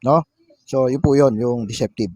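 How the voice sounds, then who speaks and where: Speaking at a moderate pace in a mid-range voice that's a little mellow with a breathy edge, a man teaches a classroom lecture in mixed Tagalog and English. He reads English definitions, then explains them, frequently asking "no?". There's no echo.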